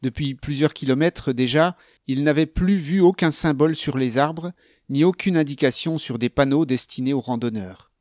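Calm man reading a novel, dry sound. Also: fairly high pitch, moderate pace, no room sound. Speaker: narrator. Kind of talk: audiobook narration.

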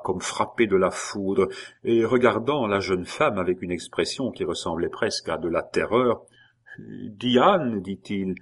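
Low-voiced male audiobook narrator. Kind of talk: scripted narration of a classic novel.

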